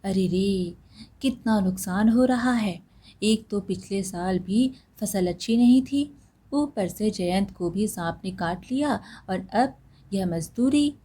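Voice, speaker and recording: A woman's voice: mid-range voice, slow pace, dark tone, breathy edge. A woman voicing a scheming, jealous elder sister-in-law who speaks in a sneering, taunting way.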